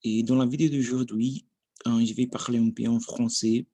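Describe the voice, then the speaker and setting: A Brazilian man in his thirties practices a learned language in a casual monologue, his Brazilian Portuguese accent clear as he hesitates, hunts for words, and restarts often. His mid-range voice is warm but flat, at a normal speed, with no echo.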